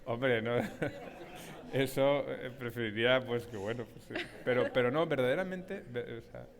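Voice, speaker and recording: A man on a panel, speaking casually with halting restarts and laughter. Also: mid-range voice. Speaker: panel guest. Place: auditorium.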